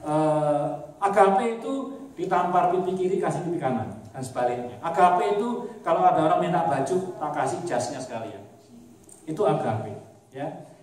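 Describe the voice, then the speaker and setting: A man preaches a sermon in a relaxed, conversational manner, slipping English words into his speech and pressing his points with emphasis. His voice sits a little high for a man. The sound is picked up from a distance in a very echoey church hall, with a faint hum of room noise behind him. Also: normal speed. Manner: conversational, mixes English words into Indonesian, emphatic when explaining. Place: church sanctuary.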